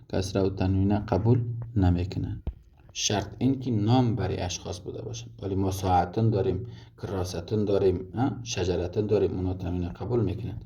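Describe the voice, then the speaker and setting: A man's voice: sits low, dark tone. A man teaching Arabic grammar step by step, working through many examples and restarting often. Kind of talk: recorded grammar lesson summary. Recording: dull lo-fi audio with clear noise.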